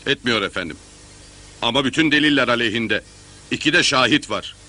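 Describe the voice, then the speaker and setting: An insistent innkeeper of olden times, formal and deferential yet pressing. The voice is medium-pitched with a bright, forceful edge, in period drama style. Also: male voice, fairly quick. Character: insistent, deferential male innkeeper accusing before his governor.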